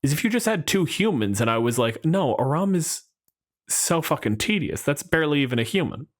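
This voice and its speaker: A podcast co-host chats casually and wryly about tabletop game monsters, swearing a lot. His voice is a little high, sing-song, and brisk.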